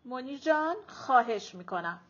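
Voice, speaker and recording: A woman's voice: high-pitched, animated, fairly bright tone. A woman reading an audiobook, voicing a weary, irritable middle-aged mother with clipped, grumbling remarks. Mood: strained. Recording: dull lo-fi audiobook recording.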